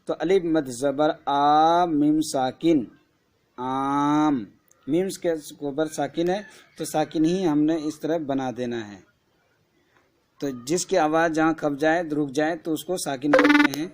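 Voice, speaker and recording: Man teacher, Kashmiri Urdu accent, slow letter-by-letter spelling drills, slightly high voice. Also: lively intonation. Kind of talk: Urdu alphabet lesson for children.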